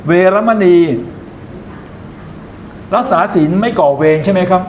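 A man lectures in an explanatory way, often asking his listeners questions and then answering them himself. His high voice is animated, quick and a little mellow, with slight hiss or hum. The room is echoey with faint ambience.

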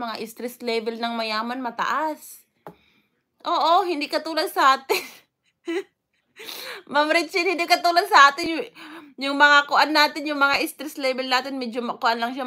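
A Filipino woman chats casually on a live stream, greeting viewers one by one with lots of fillers and laughter. Her high, bright voice carries a forceful tone.

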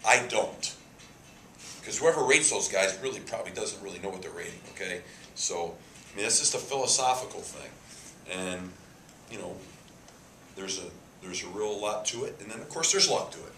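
Speaking into a cluster of table mics before a sponsor backdrop, a football head coach in his fifties responds emphatically, repeating words and gesturing. His voice is on the low side, bright and forceful, at a moderate pace; the room echoes and there's faint hiss.

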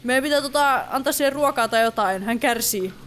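A woman's voice: sits high, a bit bright. A woman giving casual let's play commentary on a horror game, chatty and easily startled. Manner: chatty, easily startled, mixes English exclamations. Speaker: gaming YouTuber.

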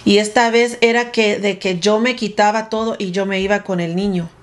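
A woman's voice: medium pitch, fairly even intonation, moderate pace. A woman vlogger in a casual story time, speaking directly to her viewers in an emotional, breathless retelling that often repeats its phrases.

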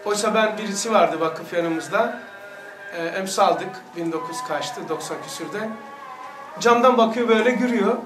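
A man's voice: high voice, moderate pace, echoey room, recorded from a distance, over music. A man teaching a religious lesson, exhorting his listeners and asking them rhetorical questions.

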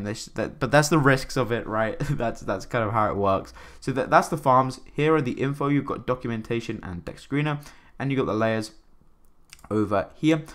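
A man with a lowish voice talks through a screen-share review in a casual, rambling way. He restarts sentences and fills pauses with "um" and "right?". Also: fairly bright tone. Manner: rambling, filler-heavy, repeats "right?". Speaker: crypto channel host.

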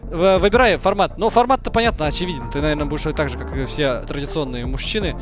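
Higher-voiced young man bantering over a game. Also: fast. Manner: joking, profane. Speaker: gaming video host and player. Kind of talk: casual gaming banter and commentary. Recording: music and game audio behind.

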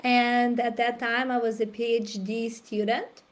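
Woman host, raspy from a cold, slow unhurried delivery, clears throat often. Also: a little high, little pitch movement. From Russia. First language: Russian. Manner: frequent throat clearing and fillers. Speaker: challenge host. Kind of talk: live-stream coaching talk.

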